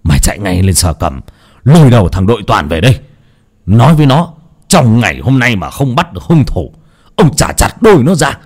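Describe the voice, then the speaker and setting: A man's voice: low-pitched, lively intonation, quick pace, darkish tone. Man doing a barking hot-tempered young master. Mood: furious. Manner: barking, bossy commands.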